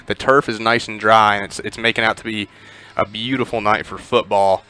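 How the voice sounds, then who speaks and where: A man giving conversational pregame football commentary, with lots of filler words and animated storytelling. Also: fairly low pitch, fairly quick, clear, resonant tone. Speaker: sports commentator.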